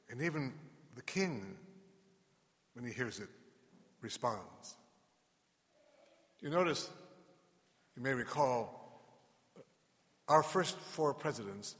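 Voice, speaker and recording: A man preaches as a priest, in a mid-pitched voice with a steady, pausing delivery. His words hang in the long reverb of a large church, a cathedral echo trailing every phrase. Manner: measured, unhurried preaching with pauses. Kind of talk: gospel reading and homily at Mass.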